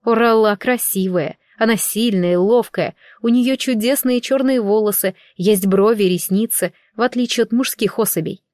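A woman narrating a first-person fantasy audiobook in a wry, even storytelling manner. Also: medium pitch, normal speed, hardly any pauses, no echo, studio quality. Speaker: audiobook reader.

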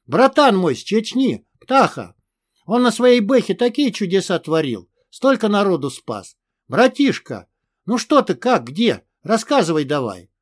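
A man voicing a loud, boisterous middle-aged soldier who bellows with rough army swearing. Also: sits high, very animated, normal speed, no room sound, studio quality. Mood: overjoyed.

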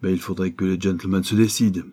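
A man voicing a phlegmatic sailor in a blue uniform, brisk and businesslike, pitched up from a husky voice. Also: steady tone, warm tone.

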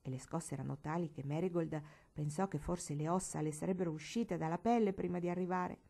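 A woman narrating a classic novel as an audiobook reader, in a measured, expressive reading. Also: on the low side, creaky.

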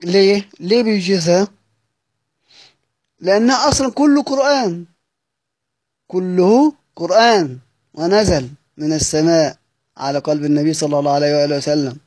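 A man's voice: sits high, normal speed, pauses often, a little mellow, no room sound. A man with an Egyptian accent giving a lesson to students, explaining points step by step and asking and answering his own questions. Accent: Egyptian Arabic. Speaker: Quran recitation teacher. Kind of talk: lecture to students.

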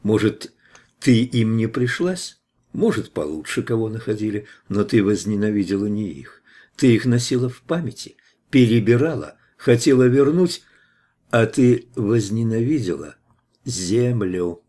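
Reading an audiobook in a mid-range voice, a man plays a steady, tough hero who questions a captive in a firm, measured manner. The mood is cold.

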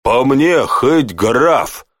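A man voicing a rude, gap-toothed male gate guard who talks gruffly and grumbles, raised above his own voice. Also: mid-range voice, sing-song, takes it slowly, fairly bright tone, no echo, clean studio sound, heavily acted. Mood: surly.

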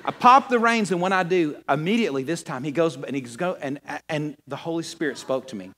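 A man preaching a sermon, mixing a funny personal story with scripture, animated and laughing at his own punchlines. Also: a little high, brisk. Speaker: pastor.

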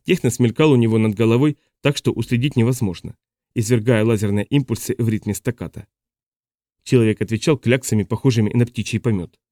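A man reading a science fiction audiobook as narrator in a steady, even storytelling manner. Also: medium pitch, fairly quick, no room sound, clean studio sound. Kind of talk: scripted narration.

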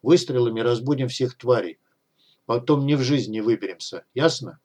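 A man voicing a gruff, weary male guide who gives blunt instructions in an audiobook. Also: medium pitch, normal speed, a little mellow, close to an everyday voice. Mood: gruff, instructing.

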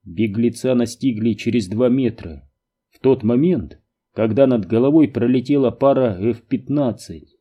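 A man narrating an audiobook in an even, measured reading. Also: medium pitch, husky, highs cut off.

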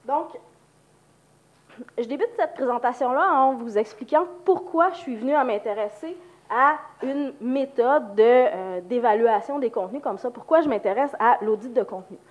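A woman's voice: a little high, moderate pace, muffled recording. A woman with a Quebec French accent and the flu, giving an informal conference presentation in a hesitant, conversational way. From Quebec, Canada. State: has the flu. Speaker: university lecturer and researcher.

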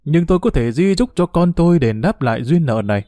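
A man's voice: on the high side, animated, a little fast, mellow, dry recording, lightly acted. A man voicing a proud, teasing old retired official who talks in a boastful, bureaucratic way. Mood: gentle.

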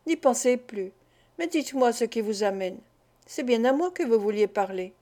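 A woman voicing a kind and gentle young lady who speaks softly and soothingly, in a read-aloud novel. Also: a little high, moderate pace, lightly acted.

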